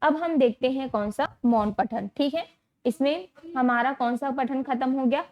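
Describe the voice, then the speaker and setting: A woman teacher giving an exam-prep lecture, repeating key terms slowly and checking understanding with rhetorical questions. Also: high-pitched, dull audio.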